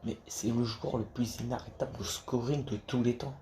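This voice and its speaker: A man's voice: mid-range voice, steady tone, moderate pace, warm tone, a little hiss or hum. A man talking casually to camera about basketball, rambling with many restarts and casual swearing. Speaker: basketball YouTuber.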